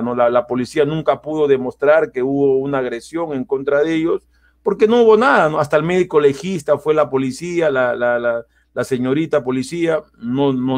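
A man, telling a personal story in casual chat, animated and acting out quotes with many restarts. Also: medium pitch. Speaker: guest.

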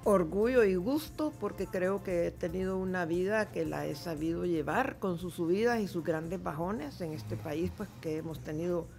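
A Salvadoran woman in her seventies talks candidly on a studio microphone. Her voice is low and gravelly, and faint music sits behind her. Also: normal speed, hardly any pauses, darkish tone. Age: 70s. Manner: candid, chatty, laughs easily. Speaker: guest artist. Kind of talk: radio interview. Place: radio studio. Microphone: studio microphone with headphones.

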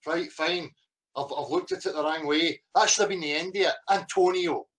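A man with a notably high-pitched voice unloads an angry rant straight to camera. He is heated and confrontational, and he swears in nearly every line. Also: fairly even intonation, moderate pace, fairly bright tone, poor audio. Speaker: vlogger.

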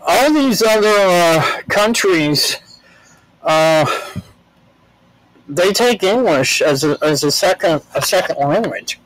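An older man from the U.S. relaxes into storytelling during an interview, recounting travels in a plainspoken, meandering way with many restarts. He talks slowly in a high, fairly bright voice with lively intonation, and the recording is low quality.

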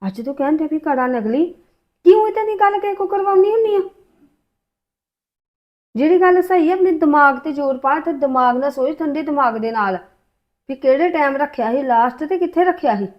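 An actress playing a worried, sharp-tongued female relative with a Punjabi accent, probing and scolding. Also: high voice, fairly quick, close to an everyday voice. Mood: concerned. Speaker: relative in a family drama. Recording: dull lo-fi sound.

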